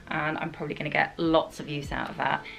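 Chatty woman from england doing a fashion vlog, low-ish voice, keeps saying really really. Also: little pitch movement, fast, creaky, poor audio. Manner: chatty and enthusiastic, fond of "really, really". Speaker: fashion vlogger. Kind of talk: casual chat to camera. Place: bedroom set, indoors.

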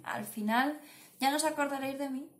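A young woman with a Castilian Spanish accent vlogs about books, chatting rather quickly in a high-pitched voice. She's recording in a small room at home where the echo and background noise are easy to hear.

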